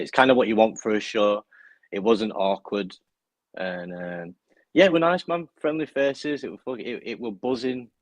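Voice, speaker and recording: A young man from Bradford speaks in a low voice with a strong West Yorkshire accent. His casual storytelling is laddish and full of slang and swearing, and the sound is dry and close. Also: no room sound, lo-fi sound. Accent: strong Bradford, West Yorkshire English. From Bradford, northern England. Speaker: interview guest, music performer. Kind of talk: casual chat, telling stories.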